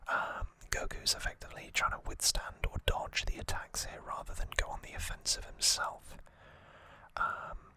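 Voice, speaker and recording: At a moderate pace, the ASMR host explains things in a gentle, hesitant manner, like a relaxed recap, using a soft, breathy whisper with no voicing.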